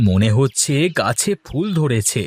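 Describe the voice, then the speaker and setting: A man voicing a kind-hearted, generous poor village husband in a cartoon who talks gently and soothingly. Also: medium pitch, lively intonation, a little slow, slightly rough. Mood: hopeful. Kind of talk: cartoon voice acting.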